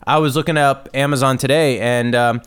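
A man talks alone into his podcast mic with a smooth, resonant voice. He rambles from one gripe to the next with a sarcastic edge, at a middle pitch. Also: fairly even intonation, a little fast, a bit bright. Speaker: podcast host.

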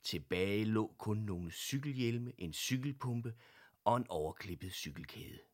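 A man narrating a children's audiobook with expressive storytelling. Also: lowish voice.

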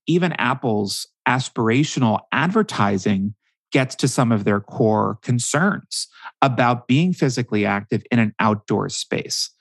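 A man speaking as a guest expert in a podcast interview, telling stories in an animated way and dropping frequent ums. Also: medium pitch, no room sound.

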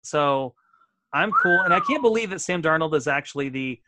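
A man's voice: a little high, huge pitch swings, brisk, very noisy. A man co-hosting a casual sports podcast, chatty and self-deprecating, often restarting his sentences. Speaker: podcast co-host.

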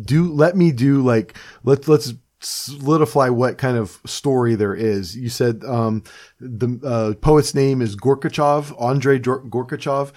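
A man hosting a podcast, talking through a film casually. He hesitates often, filling his pauses with ums and uhs. His voice is at an ordinary male pitch. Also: a little mellow. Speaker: podcast host.

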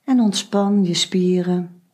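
A woman guiding a meditation, giving slow, soft instructions with long pauses. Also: lowish voice, slightly rough. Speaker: meditation guide. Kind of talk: guided meditation.

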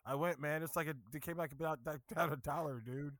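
A man's voice: fairly high pitch, fairly even intonation, fairly quick, fairly bright tone, dry recording, studio quality. A man hosting a podcast in casual banter, teasing his co-host and asking the guest questions.

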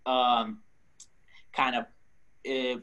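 A man of middle pitch chatting casually with friends. He stumbles and restarts often, fills gaps with fillers and chuckles through his own anecdotes. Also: level tone, sharp tone, lo-fi sound. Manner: halting, many restarts and fillers, laughs at his own stories. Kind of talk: casual chat.

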